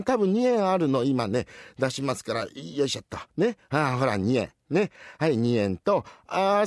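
A fussy, chatty old woman shopper, as a male storyteller puts her on, rambling and scolding in a comic rakugo tale. Her voice swoops lively up and down. The recording is close and dry. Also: fairly high pitch, no echo, pitched above the performer's own voice. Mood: flustered.

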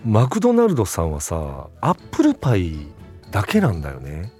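A man hosting a casual talk show, talking in a relaxed, drawn-out way and chuckling often. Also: deep voice, slightly rough, soft background music. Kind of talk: casual chat.

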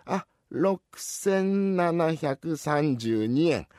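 A fussy, chatty old woman shopper, as a male storyteller puts her on, rambling and scolding in a comic rakugo tale. Her voice swoops lively up and down. The recording is close and dry. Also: on the high side, very slow, no echo, voice pushed up. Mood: flustered.

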